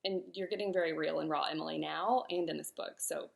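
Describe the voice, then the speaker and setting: A woman's voice: low voice, steady tone, brisk, vocal fry. A woman in her thirties, an author and host, talks live about her life and work, emotional and close to tears at times, with many fillers and self-corrections. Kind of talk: live-streamed personal talk.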